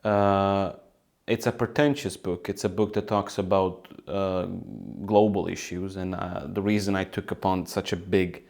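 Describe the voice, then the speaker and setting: A young man from Bosnia speaking reflectively to the camera at home, pausing often with fillers and restarts as he works through his thoughts. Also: deep voice, flat delivery, a little mellow. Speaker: author and video host. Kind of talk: reflective solo talk to camera. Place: room at home by a sunny window.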